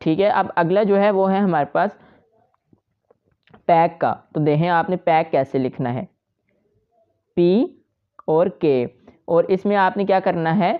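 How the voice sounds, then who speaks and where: A woman with a smooth, resonant, lowish voice guides students through a shorthand lesson as their teacher, in step-by-step tutorial fashion. She patiently explains every outline and often repeats herself. The audio comes across as somewhat dull and lo-fi.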